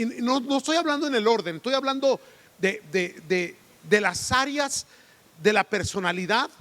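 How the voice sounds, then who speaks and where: Pastor, man, very high and lively pitch, slow deliberate sermon delivery, long church hall reverb. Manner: animated preaching with rhetorical questions. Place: church sanctuary.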